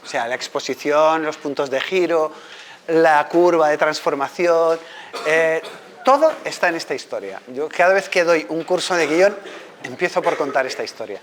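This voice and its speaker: A man's voice: fairly high pitch, moderate pace. Guy from ceuta telling a funny story live, acts out all the voices, teasing the crowd. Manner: animated, acts out characters, teasing. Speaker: filmmaker and screenwriting teacher. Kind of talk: live comic storytelling to an audience.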